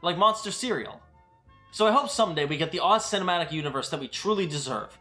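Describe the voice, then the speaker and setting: Expressive and quick, this male host's voice runs on the high side with a bright, forceful tone. He narrates an opinionated, casual film review as a video essayist, blunt and sarcastic, swearing now and then, with music behind him.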